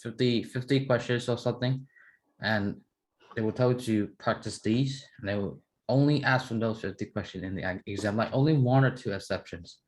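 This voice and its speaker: Young man, Burmese accent, lower register, informal chatty student. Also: moderate pace, low-quality recording. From Myanmar. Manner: chatty, informal, frequent "like" and repeated words. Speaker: English student. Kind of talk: casual class discussion.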